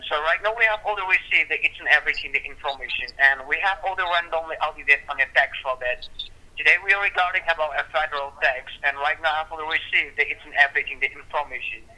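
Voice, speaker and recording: A man rattles along in a very bright, piercing voice over the telephone. He has the formal, repetitive delivery of a call-center agent working through a script, with halting phrasing and a slightly high pitch. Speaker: phone scam caller posing as tax official. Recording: thin telephone line.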